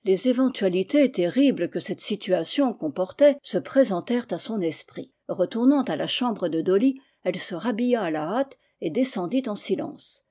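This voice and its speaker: Mellow-voiced woman reading a novel. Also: medium pitch, lively intonation, normal speed, few pauses. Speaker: audiobook reader. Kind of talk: reading a humorous novel aloud.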